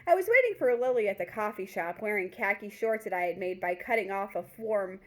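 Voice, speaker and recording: Here a woman with a medium-pitched voice reads a story told in the first person. She sounds lively and chatty, now and then tripping over a word and going back to reread it.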